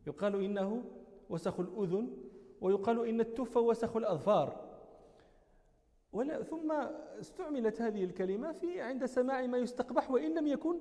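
A man with a Moroccan accent gives a religious lesson, his voice high and soft-toned. He explains terms step by step and stops to fix his own slips. The sound carries a long reverb, as in a large hall. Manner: explanatory, corrects himself mid-sentence. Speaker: teacher of hadith.

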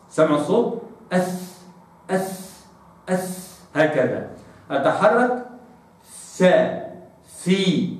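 A man teaches Quran recitation. He repeats sounds and stretches words out slowly so learners can hear them. His voice sits a little high and comes from some distance in a very echoey room. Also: a little mellow. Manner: slow drawn-out demonstration of words. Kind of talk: tajweed lesson with demonstrations. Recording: very echoey, off-mic.

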